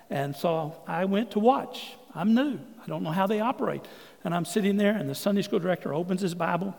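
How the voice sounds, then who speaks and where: A man preaching a sermon, telling a folksy, animated story from the pulpit in a church sanctuary. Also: high voice, creaky. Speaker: pastor. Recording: long hall reverb.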